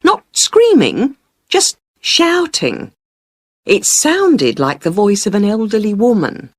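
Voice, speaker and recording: An actress playing a chatty female witness, telling a police officer what she saw in a rambling, lively way in a scripted listening test dialogue. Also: medium pitch, slow, no room sound, clean studio sound. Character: chatty female witness recounting a street bag snatch.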